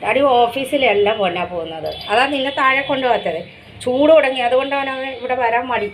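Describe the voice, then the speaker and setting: A woman's voice: brisk, a little hiss or hum, low-quality recording. A woman chatting casually to camera at home about her pet dog and her daily routine. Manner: chatty, switches to high coaxing calls to her dog. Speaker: pet vlogger. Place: home in a city in India.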